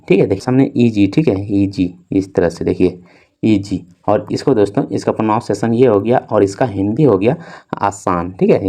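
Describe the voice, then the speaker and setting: Speaking in a mellow voice of fairly low pitch, a young man teaches English reading by spelling words out one letter at a time. His delivery is slow and drawn out, and "theek hai" and "dosto" come up constantly.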